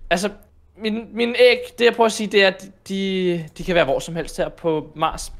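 A young man playing Minecraft in role-play with a friend, rambling and hesitant with many fillers, breaking into excited shouts. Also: sits high. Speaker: co-host of a gaming channel.

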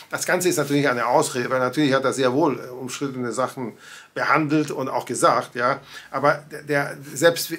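Speaking casually to the camera, a Spanish-speaking man in his sixties offers his take on church matters, pausing on fillers and restarting his thoughts often. His voice sits in the mid range with a slight brightness, and the setting is his study with bookshelves and pictures.

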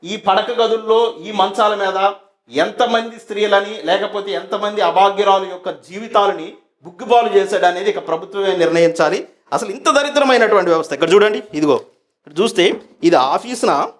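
A man's voice: high-pitched, brisk. A male reporter, asking short questions and then delivering scathing, sarcastic commentary on site. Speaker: reporter of an online news channel.

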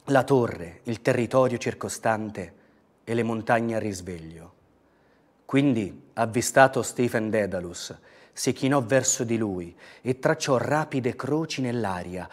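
A man giving a slow, measured and expressive dramatic reading of a novel. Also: mid-range voice.

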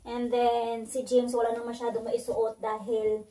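Chatting casually to a handheld phone camera, a thirties woman vlogs about her day indoors and in the backyard while doing chores. Though pitched on the high side, her voice has a dark tone, delivered monotone and unhurried, with slight background noise behind it.

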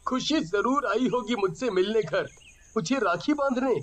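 A man voicing a gentle young brother who is now a ghost in a cartoon story, soft and mournful. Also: high voice, animated, normal speed, a little hiss or hum. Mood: sorrowful.

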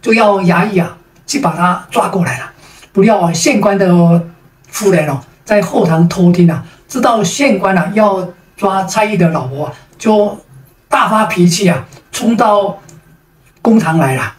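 Female joke teller with a Taiwanese Mandarin accent, mid-pitched, lively storytelling with drawn-out particles, echoey room. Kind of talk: storytelling of jokes. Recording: roomy sound from a distant mic.

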